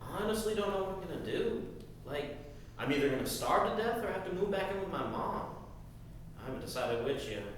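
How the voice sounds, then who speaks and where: A man's voice: high-pitched, sing-song, a little fast, slight background noise. A man reading the part of an awkward, sardonic young slacker who talks hesitantly and swears casually at a table read. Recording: echoey room from far off.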